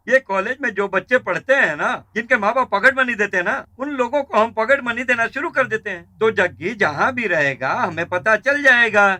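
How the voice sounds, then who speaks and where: A man's voice: high voice, expressive, brisk, hardly any pauses, sharp tone, heavily acted. An actor dubbing a boastful, scheming male gang member. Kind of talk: Hindi film dub.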